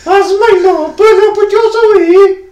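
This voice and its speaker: Giggly high-voiced woman, slow and casual, roomy recording. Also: fairly even intonation, mellow. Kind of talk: casual joking chat.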